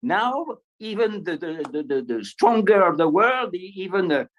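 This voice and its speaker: A man with a French accent, French his first language, speaking at a conference over a video link in a halting way with many fillers and restarts. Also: high voice, lively intonation, rough recording. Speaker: panel speaker.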